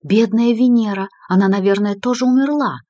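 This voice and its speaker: A woman reading the lines of a drunk, distraught male secretary who talks loudly and self-pityingly. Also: medium pitch, big pitch swings, brisk, no room sound, dull audio. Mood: mournful. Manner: loud, self-pitying outbursts.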